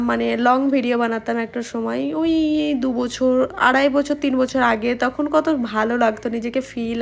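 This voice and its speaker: High-voiced young woman, fast halting chat. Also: creaky. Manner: fast speech with frequent pauses and fillers. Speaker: makeup artist and vlogger. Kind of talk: casual talk during a makeup tutorial. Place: home room with an open window. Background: street noise through the window.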